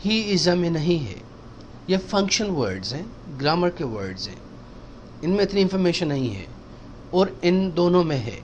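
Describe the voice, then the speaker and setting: A man teaching spoken English, explaining slowly and repeating example sentences for practice. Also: sits high, sing-song, muffled recording, a little hiss or hum.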